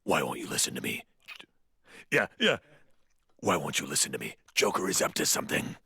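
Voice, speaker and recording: Brief: cocky cartoon superhero, gravelly, very low and raspy. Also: male voice, a little fast, no room sound, clean studio sound, heavily acted. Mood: exasperated. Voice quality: deep gravelly growl. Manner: cocky, boastful deadpan. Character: brooding self-obsessed male superhero, gruff.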